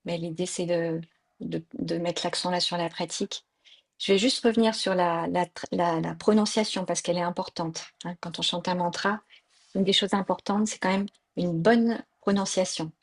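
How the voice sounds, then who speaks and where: Female teacher with a slightly low voice, patient and explanatory, on a video call mic. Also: fairly even intonation, husky. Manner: patient, explains pronunciation slowly, many fillers. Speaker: mantra and yoga teacher. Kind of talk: online workshop teaching.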